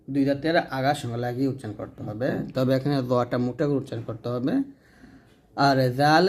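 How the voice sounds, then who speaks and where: A man teaching pronunciation of Arabic letters, patiently voicing each sound clearly and stressing it for learners to repeat. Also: medium pitch, a little mellow. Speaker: Quran recitation teacher. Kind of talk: step-by-step pronunciation lesson.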